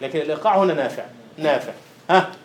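A man's voice: on the high side, expressive, racing. A man, a university lecturer teaching poetic meter, quizzing students and chanting rhythm syllables. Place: classroom. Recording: roomy classroom echo.

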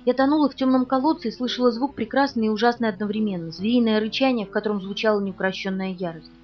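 Woman reading an audiobook fast, dramatic, soft music behind. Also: fairly high pitch, recorded from a distance, dull audio. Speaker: audiobook reader. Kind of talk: audiobook narration in first person.

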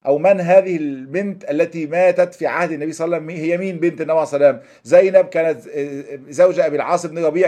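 A man's voice: on the high side, dark tone. A man with an Egyptian Arabic accent giving a religious lesson, moving between formal recitation and colloquial explanation and posing rhetorical questions. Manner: rapid, thinking aloud with rhetorical questions. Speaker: preacher.

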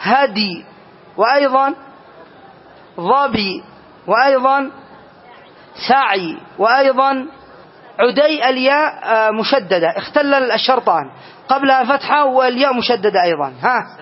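A man teaching an Arabic grammar lesson, quizzing his students and slowing down to stress each example. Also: very high-pitched, animated. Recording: dull lo-fi classroom recording.

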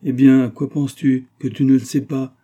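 A proud, middle-aged society mother speaks in a scolding, haughty way from a storybook. A man puts her on, lifting his dark, husky voice well above his own. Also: mid-range voice, level tone, normal speed, muffled recording, voice pushed up, close to an everyday voice.

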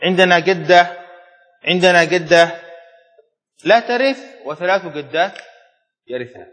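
A man's voice: high-pitched, measured pace, fairly bright tone. A man teaching Islamic law in a classroom, repeating key terms and often checking that students follow. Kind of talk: classroom lecture explaining a text. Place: classroom with a board. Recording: dull echoey hall sound.

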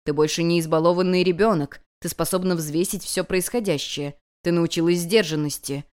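A woman voicing an ancient male god, a weary and restrained teacher speaking softly and evenly. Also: fairly low pitch, smooth, natural voice. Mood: weary calm. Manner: soft, even and measured.

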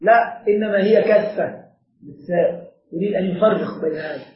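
High-voiced man teaching in an echoey hall. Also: brisk. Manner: explains step by step, quizzes the seated students. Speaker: sheikh teaching a religious lesson. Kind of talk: classroom lesson explaining a text. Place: lesson room with seated listeners. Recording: echoey room, dull lo-fi sound.

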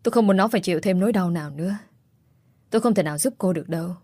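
A grieving woman in her sixties, as a female narrator puts her on, quiet and sobbing yet unbending. the voice is low and warm, read dry and close. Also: rapid-fire, no room sound. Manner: soft, sobbing.

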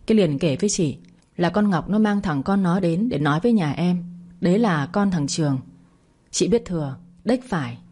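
A woman narrator voicing a stern older sister-in-law who firmly explains and scolds, with a low, husky voice. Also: mellow.

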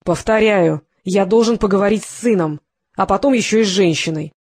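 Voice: mid-range voice, brisk, darkish tone, natural voice. An audiobook reader voicing a tense man under threat, muttering his replies. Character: tense male ex-soldier forced to defuse bomb.

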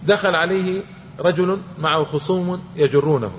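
A man's voice: high-pitched, normal speed. A man giving a religious history lecture, telling stories and repeating phrases for emphasis. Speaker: Islamic lecturer. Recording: long reverb, faint background noise.

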